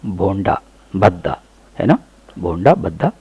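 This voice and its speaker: A man with a low, gravelly and somewhat husky voice and an Urdu accent teaches English pronunciation. He says each example word slowly and deliberately, then repeats it. The recording is close and dry. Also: big pitch swings, dry recording, highs cut off.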